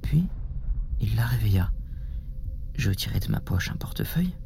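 A man narrating a literary story in a measured way that often drops to a whisper. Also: fairly low pitch, expressive, gravelly, mellow, a little hiss or hum.

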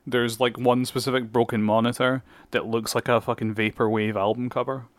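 A young podcast co-host chats casually about music, swearing freely and explaining things at length. His mid-range voice is flat and brisk, and the audio has no echo.

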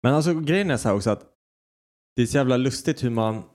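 Podcast co-host, man in his 30s, mid pitch, expressive, laughs a lot. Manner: laughs often, joking, swearing. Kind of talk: casual chat.

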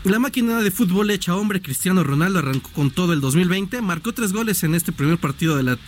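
Mexican sportscaster, brisk and bantering. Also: male voice, sits high, expressive, slight background noise. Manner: brisk newsreading mixed with joking banter. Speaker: sports reporter. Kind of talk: radio sports news.

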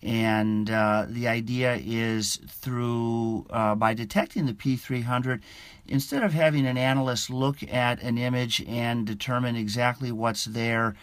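A man gives explanatory interview answers as a science correspondent. His pitch is average and his delivery is halting and measured. The sound is close and dry. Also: fairly even intonation, clean tone, no room sound.

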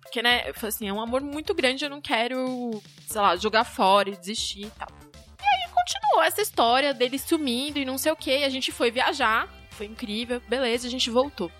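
A Brazilian woman telling a personal story in casual chat, acting out the quoted lines with lively energy. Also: high-pitched, fairly quick, soft background music. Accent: Brazilian Portuguese. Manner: animated, acts out quoted dialogue. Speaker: storyteller guest.

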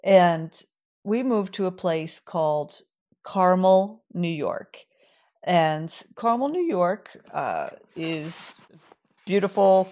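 A woman's voice: on the low side, darkish tone. A Swedish-born woman in her forties telling her own story on a solo podcast, candid, acting out her own quotes, with a morning throat. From Sweden. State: morning throat, sipping coffee. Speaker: podcast host.

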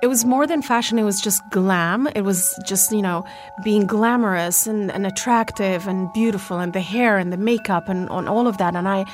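Faint music plays behind this woman, who speaks at a moderate pace with a medium-pitched voice. She's a fashion founder in her thirties from Algeria with a Lebanese accent, giving a reflective conversational interview as a guest. Her speech is full of fillers and restarts.

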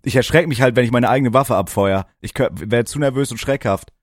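A man's voice: medium pitch, fairly quick, no echo, clean studio sound. A young man co-hosting a podcast, joking crudely and teasing his friend in casual chat. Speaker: podcast co-host.

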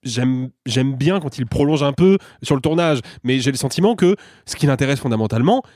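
A man debating films as a critic in a casual podcast, animated and argumentative. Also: mid-range voice, a little fast, no room sound, studio quality. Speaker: film critic.

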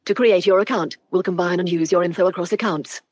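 A woman's voice: on the low side, fairly even intonation, quick pace, darkish tone, slightly rough, dry recording. A synthetic female screen reader voice played through a Bluetooth speaker, reading out on-screen labels and buttons. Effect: synthetic speech played through a Bluetooth speaker.

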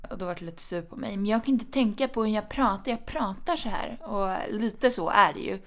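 A woman's voice: medium pitch, expressive. A woman with a Stockholm accent chatting casually as a podcast co-host, blunt and teasing in an informal way. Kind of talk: casual chat.

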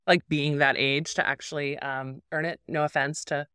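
A woman in her forties co-hosts a chatty podcast, with a slightly low voice that is recorded close and dry. She tells animated stories and pops into little voices for the people in them. Her delivery is warm-hearted and conversational. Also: normal speed, clear, resonant tone, no room sound. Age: 40s. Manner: animated storyteller, acts out voices in anecdotes. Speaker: podcast co-host. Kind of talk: casual chat.

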